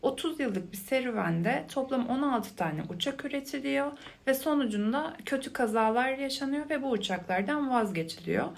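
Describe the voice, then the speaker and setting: Quiet, creaky-voiced woman, soft ASMR explainer. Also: high-pitched, normal speed, few pauses. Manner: quiet, hushed, calm delivery as if at night. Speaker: host explaining a psychology concept.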